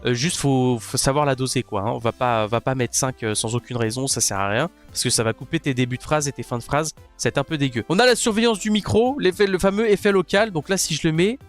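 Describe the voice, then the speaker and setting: Fast-talking, crude, joking man. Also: mid-range voice, soft background music. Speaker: headset reviewer. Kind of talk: casual product review. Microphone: gaming headset mic.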